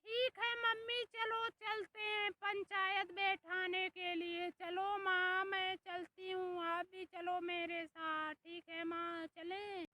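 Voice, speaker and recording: A whiny young tomato girl, voiced by a woman in a homemade comedy skit, pleading tearfully with her mother. The pitch is very high and bright, and the pace is drawn out. Faint noise runs behind it. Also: flat delivery, takes it slowly, few pauses, full character voice.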